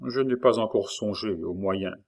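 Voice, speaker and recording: A man doing a calm, terse young prisoner. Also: on the low side, moderate pace, lightly acted. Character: calm, reserved young male engraver prisoner.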